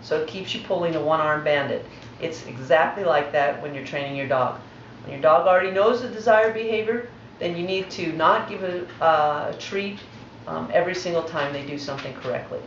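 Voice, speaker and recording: A woman's voice: low-pitched, brisk, slight background noise. Woman dog trainer explaining patiently. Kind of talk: instructional demonstration. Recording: roomy, distant, dull recording.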